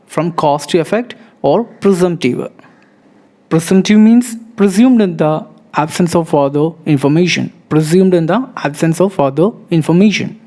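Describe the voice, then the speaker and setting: A grammar teacher works through a recorded vocabulary list. Each term and its meaning comes out two or three times over. The delivery is halting, with frequent restarts and fillers. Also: medium pitch, mellow. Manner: repeats each word and meaning several times, spelling out silent letters.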